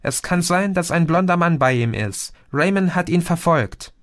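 A man's voice: on the high side, animated, moderate pace, fairly bright tone, voice pushed up. A man reading an audiobook voicing a frightened young woman who speaks urgently and out of breath.

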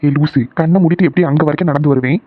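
A performer plays a young cartoon husband who teases his wife and then pleads with his mother. The delivery is fast, and the dry recording sounds narrow and phone-like. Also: mid-range voice, no room sound, close to an everyday voice. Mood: teasing. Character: young husband, emotional son. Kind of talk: animated cartoon voice acting.

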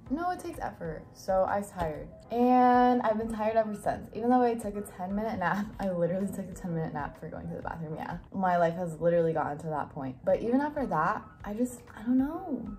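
A woman's voice: medium pitch, darkish tone. A young college-age woman chatting casually to camera in a wry, self-mocking way. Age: young adult, college student. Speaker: student vlogger. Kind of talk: casual vlog chat to camera. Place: dorm room, indoors.

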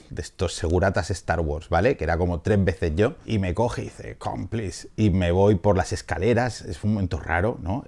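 A man's voice: low voice, darkish tone. A middle-aged man from Spain with a Peninsular Spanish accent, giving a casual, jokey video review as a film critic with rambling asides.

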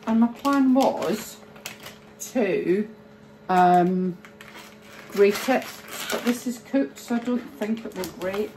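A middle-aged woman, chatting slowly and thinking aloud as she preps food in her home kitchen. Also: medium pitch, warm tone. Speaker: cooking vlogger. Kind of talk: casual cooking chat. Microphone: phone camera held nearby. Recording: noisy home kitchen ambience.

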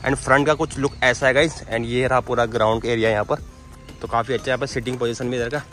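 A man in his thirties leads a chatty walking tour for his travel vlog, talking into a handheld selfie camera while riding a scooter and strolling through a cafe garden outdoors. His mid-range voice is fast, fairly bright, and fairly even in intonation, constantly peppered with "guys" and "bhai," with soft music in the background.

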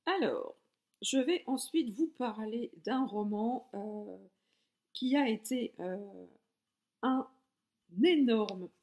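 A woman's voice: on the high side, slow, a little mellow. A woman from France giving a casual, enthusiastic book review straight to her viewers.

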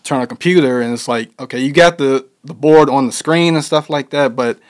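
A young man talks through an interview in an easygoing, unhurried way. His answers wander and loop back, padded with "you know" and "like". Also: mid-range voice. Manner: laid-back, heavy with fillers like "you know". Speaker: interview guest, musician. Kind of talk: casual interview conversation.

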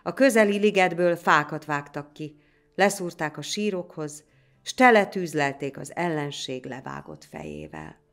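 A woman narrating a folk tale in a lively, dramatic reading style. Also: deep voice. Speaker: storyteller. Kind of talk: storybook narration.

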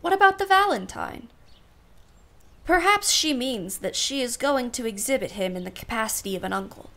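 A woman's voice: a little high, expressive, moderate pace, sharp tone. A woman playing a genteel society aunt in a radio play, speaking with arch formality and dry irony. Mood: guarded, ironic. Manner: arch, formal, dryly ironic. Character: wry, genteel society aunt, privately exasperated.

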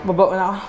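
A young man playing a scary game, nervously scolding the baby on screen, laughing and yelping in fright. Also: on the high side. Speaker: gaming streamer. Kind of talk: nervous let's-play commentary. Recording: echoey room with noise behind.

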